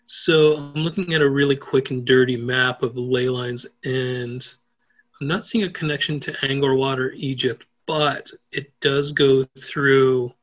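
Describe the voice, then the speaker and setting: A man's voice: mid-range voice, steady tone, measured pace, fairly bright tone, dull audio. A man co-hosting a podcast in casual chat, often hesitating and searching for words. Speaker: podcast co-host.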